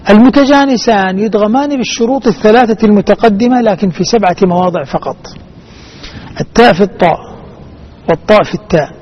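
A man speaking formal standard Arabic as host and teacher of a religious recitation programme, explaining in a didactic way, listing and repeating his points. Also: high-pitched. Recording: dull band-limited broadcast with faint noise.

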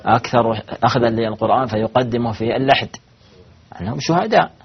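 Fast, husky man teaching a lesson. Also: medium pitch, highs cut off. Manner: asks students questions and answers them himself; halting, with repeated false starts. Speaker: religious teacher. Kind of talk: lecture to students.

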